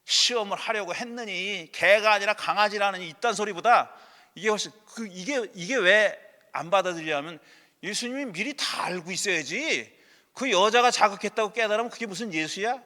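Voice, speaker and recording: A middle-aged male pastor preaches in a high, bright, forceful voice. He talks to the congregation in a casual, pointed way, full of rhetorical questions and blunt dismissals. His voice carries a long reverb through the church sanctuary. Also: animated, normal speed. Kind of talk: sermon.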